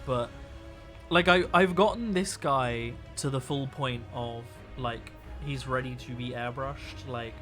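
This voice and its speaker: A young man with a medium-pitched, slightly bright voice chats casually while live-streaming miniature painting. His voice is worn from a week of talking, and he rambles, frequently restarting what he's saying.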